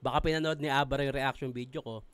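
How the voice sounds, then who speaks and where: A man with a Filipino accent hosting a reaction video, talking casually, swearing freely and breaking into excited shouts. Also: medium pitch, fast talker, clear, resonant tone, no echo.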